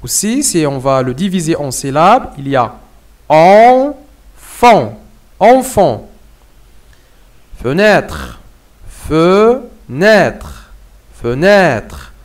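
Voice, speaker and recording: Moroccan-accented male teacher, patient and deliberate, sounding out words, pitch rising and falling a lot. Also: huge pitch swings. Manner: spells out letters and repeats words slowly, mixing in Moroccan Arabic. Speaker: French teacher. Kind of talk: slow classroom lesson.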